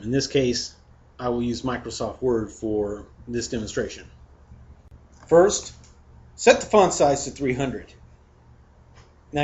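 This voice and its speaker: A man's voice: medium pitch, a little mellow, highs cut off. A middle-aged man giving parents casual, folksy tips on teaching children numbers, often restarting his phrases. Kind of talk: casual instructional demonstration. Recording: roomy echo, off-mic, faint hiss.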